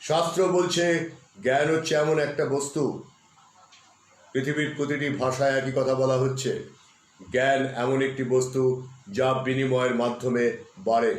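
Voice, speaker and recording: A man's voice: mid-range voice, a little hiss or hum. A man presenting a history talk on a live stream, who keeps asking his viewers rhetorical questions and stresses key words. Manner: emphatic, spells out terms letter by letter. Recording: echoey room.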